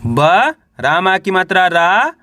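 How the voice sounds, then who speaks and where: A man teaching a reading lesson, slowly spelling out words syllable by syllable and then blending them, with frequent drill questions to the viewer. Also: sits high, lively intonation, pushed and bright, dry recording, studio quality. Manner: slow syllable-by-syllable spelling with drawn-out vowels; repeats "how will we read it?" drills.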